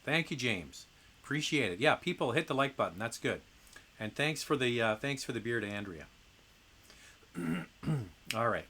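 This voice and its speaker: A man's voice: medium pitch, lively intonation, a little slow, pauses often, pushed and bright. A middle-aged man hosting a live car Q&A stream, chatting casually and rambling with fillers and restarts, with an occasional cough. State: occasional coughing from acid reflux.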